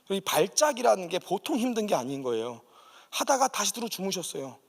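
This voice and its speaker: A man's voice: high voice, big pitch swings, quick pace, in a large hall. A man preaching in a church, telling a personal testimony with vivid, emphatic storytelling. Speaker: guest pastor. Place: church sanctuary.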